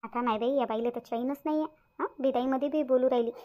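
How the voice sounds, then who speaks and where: A woman voicing a cartoon village busybody, shrill repetitive chatter, lo-fi muffled sound. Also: steady tone, fast, lightly acted. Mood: consoling. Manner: chattering, repetitive scolding-consoling. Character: chatty middle-aged village woman, bossy and consoling. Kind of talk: cartoon voice acting.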